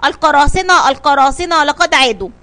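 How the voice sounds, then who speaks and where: A panicked male shipwreck survivor pleads with the crew to flee in a children's storybook, as a woman reads him. He repeats his warnings frantically, and the voice sits high. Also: animated, fast talker, a bit bright. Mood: terrified. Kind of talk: storybook reading.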